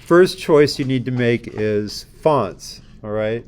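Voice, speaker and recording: A man's voice: medium pitch, lively intonation, slow pace, darkish tone, smooth. A man teaching a design class, talking casually and asking his students questions as he works. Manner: conversational, asks the class questions. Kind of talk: classroom lecture with screen demo.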